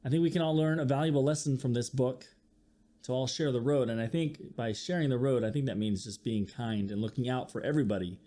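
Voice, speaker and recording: Reading a children's picture book aloud like a teacher, this man speaks at a brisk clip in a medium-pitched voice. He performs the sound effects and keeps asking his young audience questions, making the read-aloud lively and expressive.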